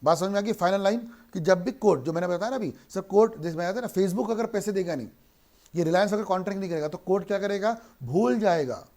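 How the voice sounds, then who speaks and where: A man teaching a law class in Hindi mixed with English, who keeps asking questions and answering them himself, and slows down to read English lines aloud. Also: high-pitched, a little mellow. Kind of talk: online lecture.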